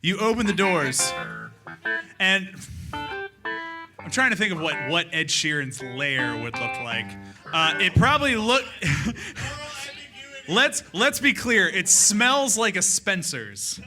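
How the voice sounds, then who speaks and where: A man's voice: high-pitched, very animated, slow pace, pauses often, music in the background. A man as dungeon master, narrating an improvised comedy tabletop game in a rambling, giggly way with stumbling restarts.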